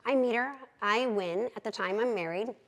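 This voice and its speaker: A realtor in her thirties, telling animated, candid stories as a podcast guest. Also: fairly high pitch, normal speed, rough recording. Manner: animated, candid, acts out quotes. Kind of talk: lively storytelling in an interview.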